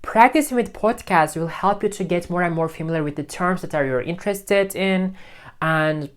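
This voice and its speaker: In a laid-back vlog, a Turkish man speaking English walks through how he studies. His voice sits on the high side and sounds clean, and he says each point two or three different ways as he figures out the wording, staying warm and unhurried throughout.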